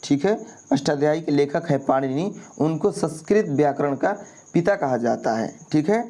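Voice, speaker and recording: A man's voice: a little high, expressive, normal speed, warm tone. A man teaching as an exam prep tutor, walking through grammar quiz answers step by step and often checking in with his listeners. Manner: repetitive, checks in with "ठीक है" often. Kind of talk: explaining a Hindi grammar quiz.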